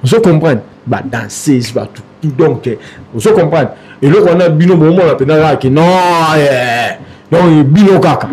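A man talking as a guest in an interview. He gets animated, repeats himself and trails off. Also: on the high side, normal speed, slightly rough. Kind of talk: casual interview talk.

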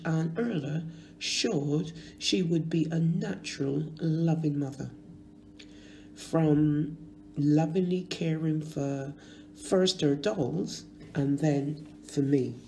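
A woman in her sixties from Barbados, reading a funeral tribute in a slow, measured, fond way in a church. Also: sits low, warm tone, slight background noise. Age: 60s. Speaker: eulogist.

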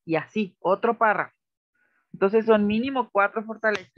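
A Mexican-accented woman teaches over a video call, explaining each point patiently and checking in with her students. Her voice sits at a middle pitch. The sound is dry and somewhat dull. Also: moderate pace, no room sound. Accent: Mexican Spanish. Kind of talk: online class feedback lecture.

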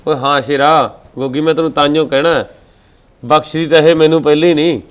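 An actor playing a complaining bachelor uncle in a Punjabi village family drama, speaking with a Punjabi accent. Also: male voice, on the high side, steady tone, a little fast, clear, resonant tone, close to an everyday voice. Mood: quarrelsome. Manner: complaining, self-pitying.

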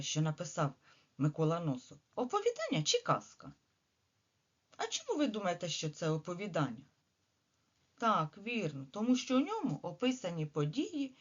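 A woman's voice: lowish voice, breathy edge, muffled recording. A woman teacher reading a story aloud to young children and asking them coaxing questions. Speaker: kindergarten teacher.

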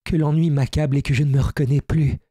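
A man's voice: a little high, flat delivery, fast, dark tone, dry recording, clean studio sound, pitched above the performer's own voice, natural voice. A man voicing an ageless female fairy in an audiobook, proud and pleading, pressing her case with insistent, reproachful questions. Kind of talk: audiobook character reading.

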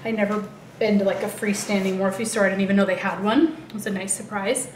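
A woman's voice: medium pitch, fairly even intonation, fast. An American woman in her thirties, a little out of breath, chatting casually to camera as a beauty vlogger in an informal way. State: out of breath, heavily pregnant. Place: living room at home, indoors. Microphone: camera a short distance away. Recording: roomy echo, light background noise.

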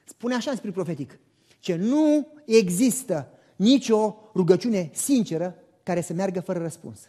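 A male pastor preaching a sermon in church, animated, asking the congregation rhetorical questions and acting out dialogue as he tells stories. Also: high voice, husky. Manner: acts out dialogue in lively storytelling.

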